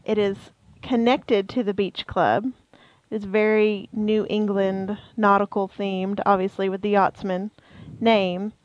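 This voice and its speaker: A woman's voice: medium pitch, flat delivery, slow pace, hardly any pauses, dry recording, lo-fi sound. A woman co-hosting a casual podcast chat, talking freely with many fillers and restarts. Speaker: co-host of a theme park podcast.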